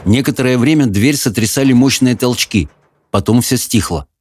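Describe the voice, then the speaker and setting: A man giving expressive, measured audiobook narration of a fantasy novel. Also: mid-range voice, husky, dry recording.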